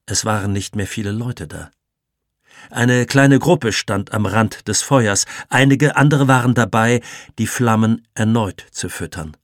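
Slow, low-voiced male audiobook narrator. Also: no echo, clean studio sound. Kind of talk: scripted narration.

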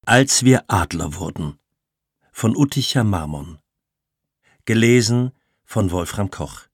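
A man reading an audiobook as narrator, calm and measured. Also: lowish voice, slightly rough, no echo, studio quality. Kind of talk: scripted narration.

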